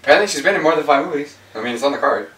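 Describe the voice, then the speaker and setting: A man's voice: fairly high pitch, expressive, rapid-fire, fairly bright tone. A young man bantering casually through a challenge game, blunt and teasing. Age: young adult. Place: small curtained room indoors. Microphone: camera a few feet away. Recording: roomy, distant camera mic, faint hum.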